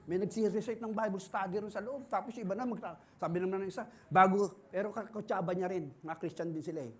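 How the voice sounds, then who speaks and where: High-pitched Filipino male pastor, animated sermon storyteller. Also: quick pace. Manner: animated preaching, acts out dialogue, laughs often.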